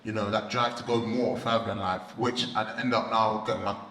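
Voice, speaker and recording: A man's voice: fairly low pitch, level tone, a little fast, a bit bright. A young man, giving informal personal testimony on stage in a casual manner. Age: young adult. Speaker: youth programme graduate, snowboard instructor. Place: large event hall, on stage. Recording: echoey hall, background noise.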